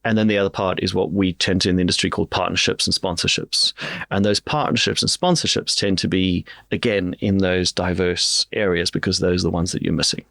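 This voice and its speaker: A man with a low voice and a grainy, gravelly edge, heard in a dry, close recording. He talks as a podcast guest, measured and unhurried, often pausing on an "um" before going on. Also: fairly even intonation, fairly bright tone, no room sound. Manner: measured, explains at length with frequent "um" pauses. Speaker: guest, media director. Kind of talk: podcast interview.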